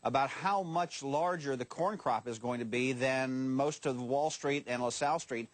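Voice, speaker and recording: A male market newsletter editor answers the host on a business news panel. His voice is mid-pitched and assertive, and the sound is dry, with no room echo. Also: normal speed. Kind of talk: cable business news discussion.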